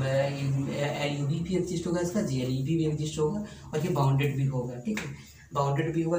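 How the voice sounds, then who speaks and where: A man's voice: fairly high pitch, warm tone. A man teaching a math lesson, mixing Hindi with English terms, repeating phrases and asking rhetorical questions. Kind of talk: classroom math lecture. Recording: roomy sound from far off with faint noise.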